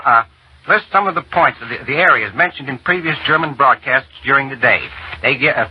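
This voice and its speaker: American guy reading grave wartime radio news, 1940s, formal, dull sound w some hiss. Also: mid-range voice. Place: radio studio.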